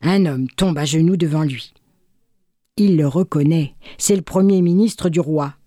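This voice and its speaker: A woman reads a folk tale aloud in an expressive, measured telling. Her voice sits low and warm, recorded dry and close with no room sound. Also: no echo. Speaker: storyteller.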